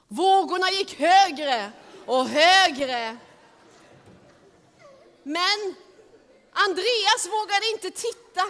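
High, bright woman telling a Bible story. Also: long reverb tail. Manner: lively, speaks directly to the listeners.

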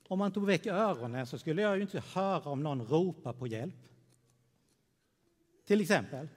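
A man gives a children's sermon, his voice sitting a little high for a man. He speaks gently and tells a story to the young listeners. His words ring out with a long church reverb. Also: breathy edge. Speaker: pastor.

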